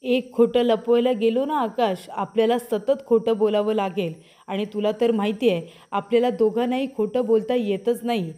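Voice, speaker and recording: A woman narrator voices a frightened young wife from a TV serial who pleads and insists she's telling the truth. Her natural voice is slightly high and mellow, full of anxious urgency, yet steady in tone at a normal speed.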